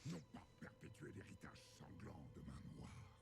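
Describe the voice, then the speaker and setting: A man voicing a grave, weary old orc warlord in a video game cinematic, solemn and guilt-burdened, with a breathy rumble. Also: huge pitch swings, in a whisper, full character voice. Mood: bitter, grave. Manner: solemn, slow, weighty delivery. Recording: loud cinematic music under voice.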